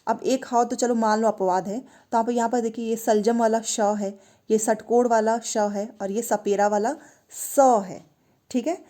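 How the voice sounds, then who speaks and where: Female grammar tutor, fairly high, warm tone, coaxing students to say sounds back. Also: fairly even intonation, unhurried. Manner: explains step by step, asks and answers own questions; has students repeat sounds aloud. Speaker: Hindi grammar teacher. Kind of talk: online exam-prep lesson.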